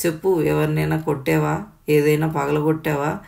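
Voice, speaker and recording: A woman voicing a furious, abusive middle-aged father who yells and sneers at his family. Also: low voice, flat delivery, moderate pace, vocal fry. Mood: raging. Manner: yelling, sneering and scolding.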